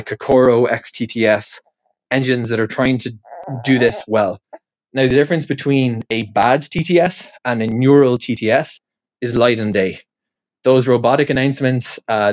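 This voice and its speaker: An Irish man hosting a podcast rambles his way through a question, thinking aloud with lots of ums and false starts in a casual monologue. His voice sits at a medium pitch, and the recording is dry and dull.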